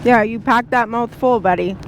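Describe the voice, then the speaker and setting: Brief: woman vlogger, slightly high voice, outdoor noise behind. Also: moderate pace. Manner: coos playfully at a crow. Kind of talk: casual chat on camera. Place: outdoors by a highway. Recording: outdoor noise, traffic nearby.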